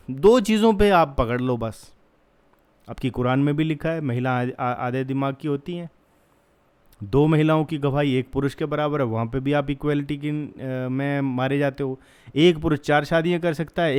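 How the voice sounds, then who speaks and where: Young male commentator, smooth tone, earnest and argumentative, many fillers. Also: mid-range voice, darkish tone. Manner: acts out soothing quoted voices. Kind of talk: opinion commentary on a news case.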